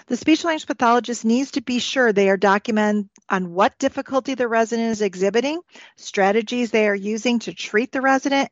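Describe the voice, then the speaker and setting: A woman's voice: fairly high pitch, no room sound. Woman explaining stuff formally on a training podcast, reading it out, dry slightly muffled sound. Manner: formal, instructional. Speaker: expert guest. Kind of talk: scripted educational podcast discussion. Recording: dull, lo-fi podcast audio.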